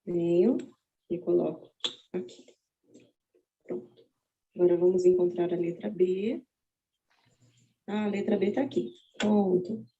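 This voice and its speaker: A Brazilian woman teaching, walking slowly and methodically through a braille word activity and thinking aloud as she searches. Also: lowish voice, steady tone, dark tone, muffled recording. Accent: Brazilian Portuguese. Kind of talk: step-by-step spoken demonstration.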